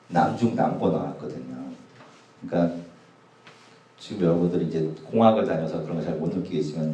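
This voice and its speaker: Man, youth pastor, 40s, deep dark voice, humorous casual sermon, distant mic, very echoey hall. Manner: casual, humorous anecdotes told to a youth group. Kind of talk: sermon storytelling. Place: church hall.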